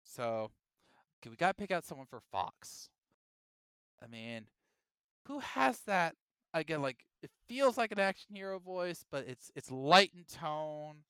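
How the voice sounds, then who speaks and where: A man co-hosting a podcast, chatting in a loose, jokey way and breaking into goofy impressions. His voice is very bright and fairly high, with a crisp clarity. It swings widely in pitch and is recorded close and dry. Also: no room sound. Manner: animated, jokey, quick to do silly impressions. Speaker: podcast co-host. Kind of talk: casual chat.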